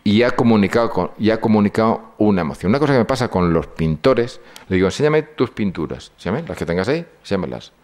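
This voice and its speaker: An older man lectures in a very deep, low voice. He tells stories and acts out each person's lines as he goes. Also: big pitch swings, fast talker, few pauses, a little mellow. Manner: storytelling, acts out dialogue. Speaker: speaker on psychology and symbolism.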